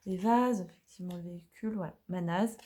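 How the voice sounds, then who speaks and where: Femme chaleureuse qui présente un jeu de cartes. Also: female voice, lowish voice, a little fast, mellow. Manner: chatty, hesitant, many fillers, drops into whispers. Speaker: tarot and oracle card reviewer. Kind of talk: casual unboxing review.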